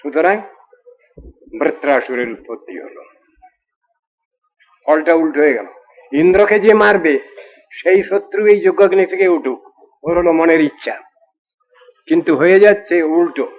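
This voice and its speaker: A man delivers a devotional discourse in a slightly higher-pitched voice, retelling a scripture story in a steady narrative way. He slows down deliberately whenever he chants a Sanskrit verse. The recording sounds dull and lo-fi. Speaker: preacher.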